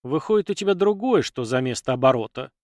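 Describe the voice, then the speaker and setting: A man's voice: mid-range voice, expressive, fast talker, darkish tone, no room sound, studio quality, lightly acted. A man voicing a blunt warrior woman chieftain. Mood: wary. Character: fierce woman warrior voevoda, weary, blunt.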